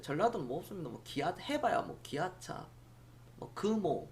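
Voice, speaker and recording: A man's voice: high-pitched, sing-song, normal speed, vocal fry, a little hiss or hum. A middle-aged man from Jeolla province, chatting casually on a stock-market live stream, rambling and answering viewers' comments aloud. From Jeolla province, South Korea.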